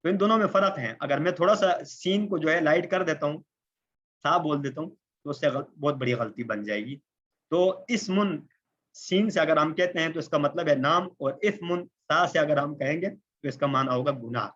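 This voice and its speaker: A man from Pakistan teaching a tajweed lesson, explaining step by step, checking in with the listener often and slowing down for Arabic terms. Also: on the high side, fairly bright tone. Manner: explanatory, repeats points with "ٹھیک ہے" checks; slows down for Arabic terms and examples. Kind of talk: recorded Quran recitation lesson. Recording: slightly dull lo-fi recording.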